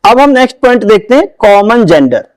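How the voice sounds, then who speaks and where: High-voiced man teaching grammar. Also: sing-song, fairly quick, dry recording, rough recording. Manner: patient, rhetorical questions then answers. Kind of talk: classroom lesson explanation.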